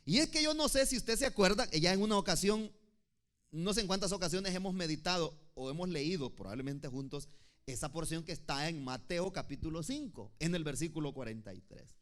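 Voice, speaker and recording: A man preaching a sermon, explaining scripture in a slow, emphatic teaching manner and addressing the congregation as brothers. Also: a little high, animated, a bit bright. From El Salvador.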